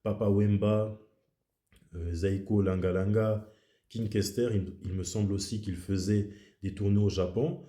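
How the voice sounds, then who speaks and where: A man's voice: lowish voice, fairly even intonation, a little slow, mellow, reverberant. A man speaking his native French in a casual, reflective monologue as a video host, often repeating himself for emphasis.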